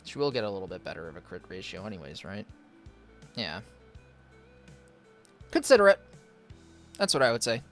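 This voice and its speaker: A man with a lowish voice and huge pitch swings live-streams a game at a normal speed, pausing often over soft background music. He reviews viewers' game accounts, offering casual advice and answering chat between gameplay in a rambling style thick with fillers and restarts.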